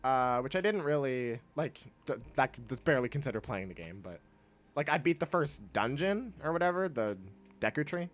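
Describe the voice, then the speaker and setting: A young streamer, stuffed up from clogged sinuses, chats casually with viewers and responds to chat at a moderate pace. His medium-pitched voice is a bit bright and very animated, and he rambles, often cutting himself off with a laugh.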